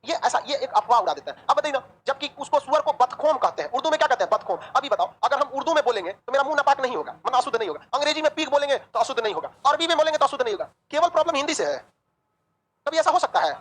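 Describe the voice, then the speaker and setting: A woman teaching a history class, lively and joking, asking the class questions and answering them herself. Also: high-pitched, very fast, low-quality recording. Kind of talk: online class lecture.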